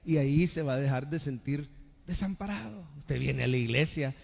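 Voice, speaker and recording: A male pastor preaching a live sermon, swinging between loud calls and hushed lines and asking the congregation for amens. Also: mid-range voice, moderate pace, gravelly. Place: church sanctuary during a live service. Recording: long church-hall reverb.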